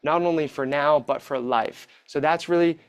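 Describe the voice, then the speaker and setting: A man's voice: fairly high pitch, moderate pace, smooth. Encouraging man coaching a workout. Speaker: fitness coach. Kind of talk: instructing a workout class.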